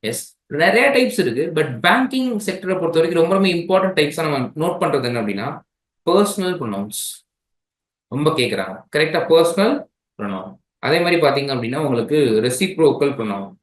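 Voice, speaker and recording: A man with a Tamil accent teaches an exam-prep grammar class in a slightly higher voice. He keeps checking in with his listeners as he explains. The room is echoey. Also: lively intonation, fast talker. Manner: mixes languages, checks in with "right?".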